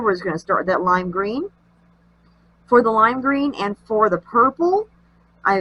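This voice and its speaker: A woman with a stuffy, nasal voice talks through a craft project in a relaxed, homey manner, explaining each step as she goes. Her pitch sits in an ordinary middle range. A faint hum runs underneath. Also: low-quality recording. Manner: chatty, homey, talks while working. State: congested from allergies. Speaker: craft tutorial host. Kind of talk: casual craft tutorial narration.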